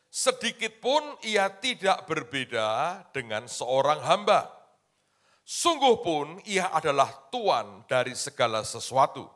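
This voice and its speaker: A male pastor preaching a sermon in a colloquial, dramatic way, swinging between loud shouts and hushed asides and often addressing the congregation. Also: fairly high pitch.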